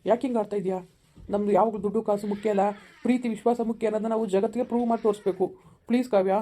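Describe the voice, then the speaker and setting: A desperate young man who begs and stammers in a rushed, mellow voice, played by a woman. He pleads very fast, tripping over his words. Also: medium pitch, fairly even intonation, lightly acted. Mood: imploring. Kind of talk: village skit acting.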